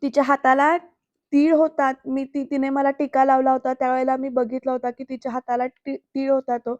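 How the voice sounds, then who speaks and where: A woman voicing a calm, stunned young male hero while quoting his lines in a serial recap. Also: high-pitched, a little fast, no echo, lightly acted. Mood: urgent. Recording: dry, slightly muffled voice-over.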